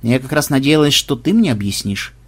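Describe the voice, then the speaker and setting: A man voicing a practical young woman who talks in a brisk, matter-of-fact way, in an audiobook. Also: medium pitch, lively intonation, husky. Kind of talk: audiobook character voice.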